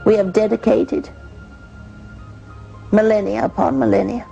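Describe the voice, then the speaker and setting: A woman speaking as a calm female spirit from Venus she claims to channel, slow and measured, in an old documentary clip. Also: mid-range voice, gravelly, muffled recording. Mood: instructive. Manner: slow, measured, gently instructive. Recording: archive TV documentary clip with music behind.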